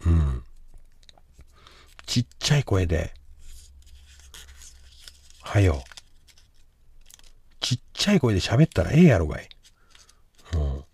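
A man hosting a livestream, reading out a viewer's love troubles and impatiently insulting him to join the call, dropping to mutters and then bursting into shouts. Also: deep voice, sing-song, takes it slowly, long pauses, slightly rough. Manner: brash, insulting, impatient, swinging from mumbles to shouts. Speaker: livestream host giving advice. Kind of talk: livestream chat reading comments.

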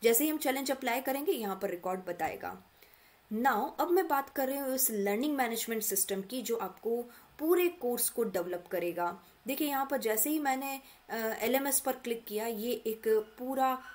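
A woman mentor guides students through an online course portal in a screen-recorded walkthrough, explaining each step patiently and addressing them directly. She sounds animated, with a voice on the high side and a moderate pace.

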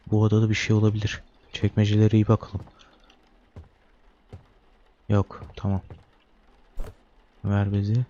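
A man's voice: lowish voice, dark tone, highs cut off. A young man giving joking horror game commentary, talking to the baby character and reading game text aloud. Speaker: gaming YouTuber.

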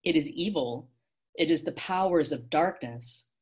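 Woman doing a stern, commanding celestial being. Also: sits low. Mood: solemn. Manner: slow, solemn pronouncements.

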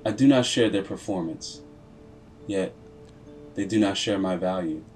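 Speaking as a grave, proud computer processor telling its own story, a male video narrator with a low voice performs scripted storytelling. He takes it solemnly and deliberately, pausing for drama, with a slightly mellow tone while music is clearly audible behind him.

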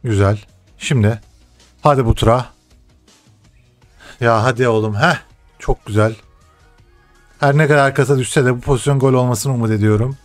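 A young man playing a football video game, commenting live, often cursing and yelling at the game. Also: mid-range voice, moderate pace, long pauses, soft background music. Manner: frustrated swearing, shouts at the game. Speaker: gaming streamer.

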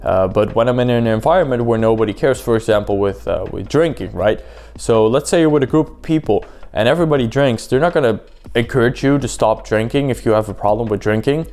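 A man's voice: mid-range voice, a little fast, darkish tone. Rambling man hosting a solo podcast. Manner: rambling, filler-heavy, asks listeners rhetorical questions. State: sleepy, yawning at times. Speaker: podcast host. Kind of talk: casual solo podcast talk.

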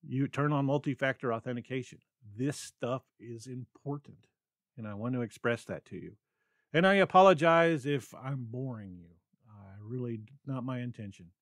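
A man's voice: medium pitch, moderate pace, no room sound, clean studio sound. A man hosting his own solo podcast, talking without a script, rambling with many ums and stammers. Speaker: podcast host. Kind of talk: unscripted solo podcast talk.

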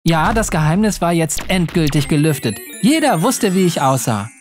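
A narrator reading a scripted first-person story in an expressive way. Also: medium pitch, moderate pace, soft background music.

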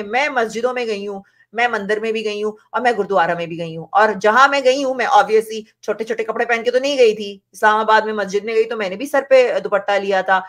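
A woman's voice: a little high, fairly bright tone. A woman gives opinionated reaction commentary in a vlog. Her delivery is emphatic and repetitive, hammering points home and slipping in English phrases. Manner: emphatic, repetitive, switches between Hindi and English. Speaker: reaction vlogger.

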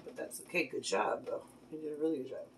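A woman in her thirties with a low, lively voice talks fast while cooking with her daughter in their home kitchen, praising her often in a casual vlog-style chat. A phone camera on the counter records it, picking up a loud crowd and the clear clatter of dishes and pans.

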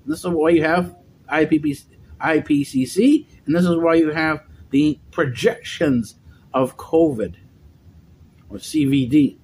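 High-voiced middle-aged man lecturing. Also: lively intonation, unhurried, gravelly, a little mellow, slight background noise. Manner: lecturing, with frequent restarts and repeated words. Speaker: vlogger. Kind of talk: rambling monologue. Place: dim indoor room.

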